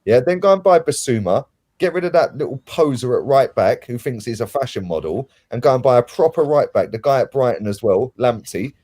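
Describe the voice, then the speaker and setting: Blunt man with a mellow tone. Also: medium pitch, animated, brisk. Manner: blunt, emphatic, colloquial. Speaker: football fan pundit. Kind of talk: opinionated football rant.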